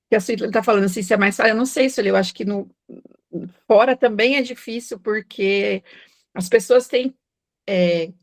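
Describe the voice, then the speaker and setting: A woman speaks in a gravelly, creaky voice. She tells a story from her work in a reflective way, often ending with a questioning "né?". It is a casual book club chat over a video call. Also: medium pitch. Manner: reflective storytelling with many "né?" tags.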